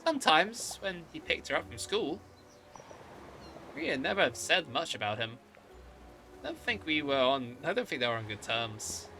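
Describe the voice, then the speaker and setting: Man reading as an earnest, bright-voiced middle-aged woman. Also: on the high side, big pitch swings, normal speed, long pauses, slight background noise, voice pushed up, heavily acted. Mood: hesitant. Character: earnest woman of fifty recalling her lost best friend. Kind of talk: reading game dialogue aloud in character.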